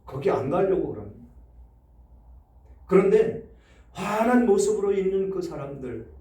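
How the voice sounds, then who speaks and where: A man preaching as pastor, emphatic, his loudness rising and dropping sharply. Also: high-pitched, very animated, unhurried. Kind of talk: sermon. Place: church sanctuary. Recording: echoey church hall, mic set far off.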